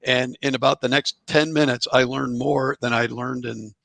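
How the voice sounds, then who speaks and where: A man's voice: medium pitch, steady tone, normal speed, gravelly, fairly bright tone, no room sound. A middle-aged man, a former college ballplayer and author, telling chatty, rambling anecdotes as a podcast guest. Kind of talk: relaxed storytelling in a podcast interview.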